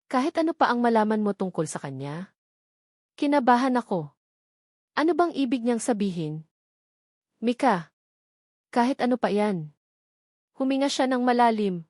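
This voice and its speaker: A woman reading a romance story aloud in the first person, in a measured, emotional storytelling manner. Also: on the high side, big pitch swings, a little mellow, no room sound, studio quality. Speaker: audiobook narrator.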